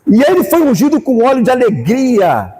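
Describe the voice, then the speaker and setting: A man with a Brazilian Portuguese accent preaching a fervent sermon as pastor, rising to shouts at times. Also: very high-pitched, wildly swooping pitch, moderate pace, husky, in a large hall.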